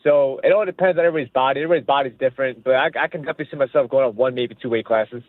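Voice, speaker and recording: Interviewed by phone, a young boxer from Pakistan speaks very fast in a mid-range voice with no room sound. The line is narrow and dry, and he comes across as casual and confident, often saying the same things again.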